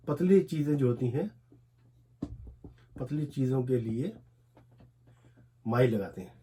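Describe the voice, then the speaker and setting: A man with an Urdu accent teaching a language lesson, explaining as he writes and repeating each word slowly, syllable by syllable. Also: medium pitch, darkish tone. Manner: repetitive, drills words slowly one syllable at a time. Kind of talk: explaining a lesson while writing on a board.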